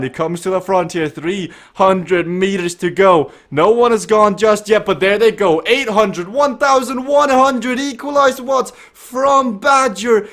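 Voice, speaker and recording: Excitable man calling a cycling race. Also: sits high. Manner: excitable, rising to shouts at the finish. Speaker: race commentator and host. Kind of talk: live esports cycling commentary.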